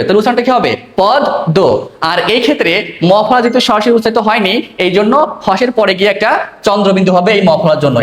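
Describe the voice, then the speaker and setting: A male teacher rattles through an exam-prep lesson at a quick clip, his voice sitting high. He explains step by step, posing questions and answering them himself. The sound carries a noticeable room echo.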